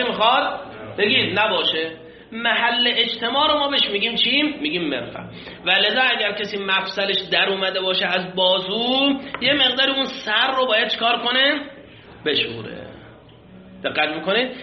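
High-voiced man teaching a seminary lesson. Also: roomy sound, dull audio. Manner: explains patiently, repeats terms, asks and answers his own questions; polite formal fillers. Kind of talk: religious law lesson reading an Arabic text.

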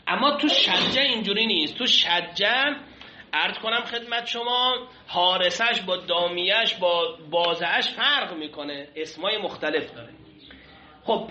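A male teacher lectures to a class, walking through a text line by line and stopping to quiz his listeners. His voice sits high and sounds very bright and sharp. The room is echoey and the recording sounds dull and lo-fi. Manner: explains step by step, often asks the class questions. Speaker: seminary teacher. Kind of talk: classroom lecture on Islamic law texts. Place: classroom with a whiteboard.

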